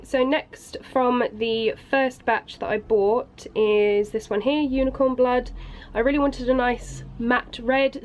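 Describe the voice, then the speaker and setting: Her voice a little high and darkish, a woman stuffed up from a cold chats her way through a makeup review as a beauty vlogger. She films in her bedroom next to a busy road, sounding chatty and apologetic with frequent ums.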